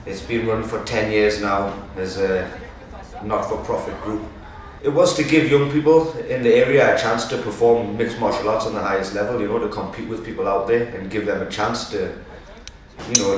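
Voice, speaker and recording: A man's voice: on the low side, fairly even intonation, fast, heavy reverb, far from the mic, poor audio. A man, a martial arts head coach talking casually in an interview in a gym. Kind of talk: interview answers. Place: indoor gym.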